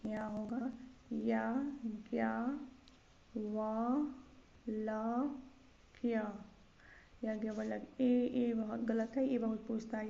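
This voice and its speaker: A young woman with a fairly high, dark-toned voice runs an exam coaching lesson, repeating each word many times and contrasting misspellings with correct spellings. The lo-fi audio is slightly dull, with faint background noise.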